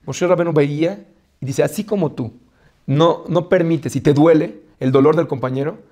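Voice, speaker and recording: A rabbi giving a Torah lesson, asking rhetorical questions, restarting phrases and weaving in Hebrew terms. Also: male voice, on the high side, moderate pace, a little mellow.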